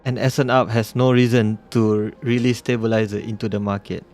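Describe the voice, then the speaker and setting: A man reading the lines of a weary, guarded cyborg doctor in a calm, measured way. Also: fairly low pitch, faint music behind, close to an everyday voice.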